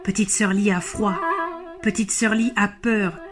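A woman narrating a children's storybook in a lively, expressive, rhythmic way. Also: mid-range voice, unhurried, over music.

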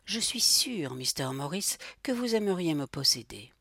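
A woman voicing a cold, polite male robot salesman who speaks with calm, metallic confidence in a formal sales pitch. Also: normal speed, husky, no room sound, clean studio sound, full character voice. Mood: coolly persuasive.

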